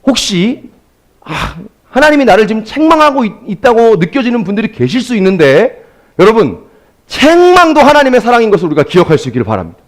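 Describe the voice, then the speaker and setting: A man's voice: high-pitched, big pitch swings, fairly quick. A man preaching a Sunday sermon as pastor, speaking directly to his congregation.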